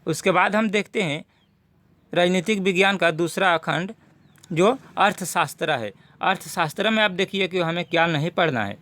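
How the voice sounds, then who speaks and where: High-voiced man going over a syllabus. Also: normal speed, sharp tone. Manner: methodical, repeats points for students. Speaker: teacher. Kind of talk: syllabus walkthrough lesson.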